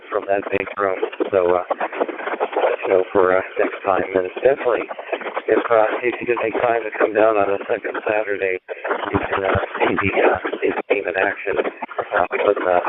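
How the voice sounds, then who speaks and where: A man talking over a two-way radio as an amateur operator running a net, halting with many filler sounds and reading out call signs. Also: deep voice, steady tone. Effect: heard over a two-way radio. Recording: tinny radio transmission with static.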